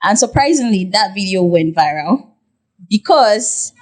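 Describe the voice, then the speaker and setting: A young woman with a Nigerian accent, a podcast guest who explains at length in an animated way, with many "like" fillers. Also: medium pitch, unhurried. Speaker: guest, content creator. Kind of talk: podcast interview.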